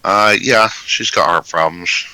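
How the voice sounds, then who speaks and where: A man's voice: low voice, unhurried, sharp tone, clean tone, dry recording, poor audio. A young man running a tabletop game as game master, laid-back and joking between turns.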